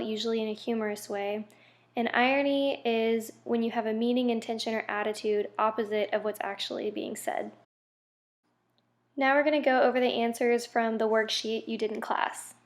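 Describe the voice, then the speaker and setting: A young woman teacher walks through a grammar lesson. Her voice sits a little high, and she reads each quiz item out and then explains the answer in a clear, methodical way.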